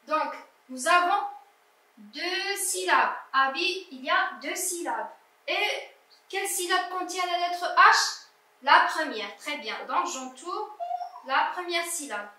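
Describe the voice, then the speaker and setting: A woman teacher with a high, bright voice talks slowly and carefully, breaking words into syllables for young pupils. She is recorded in a very echoey room from some distance away from the microphone. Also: lively intonation. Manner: slow, deliberate, sounding out syllables. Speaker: primary school teacher. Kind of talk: slow classroom lesson correcting exercises.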